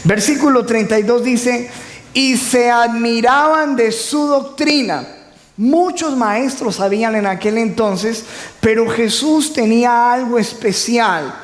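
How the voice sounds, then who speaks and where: A man preaches in a church hall, calling on the congregation to repeat after him. He speaks slowly in a high voice. The recording carries a long, echoing reverb. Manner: call-and-response preaching with humor. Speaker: pastor. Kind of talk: sermon.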